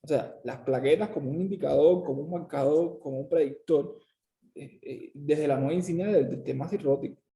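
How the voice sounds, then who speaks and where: A man's voice: a little high, fairly quick, gravelly, mellow. A man, a student presenter in a classroom discussion, speaking earnestly and often restarting his phrases.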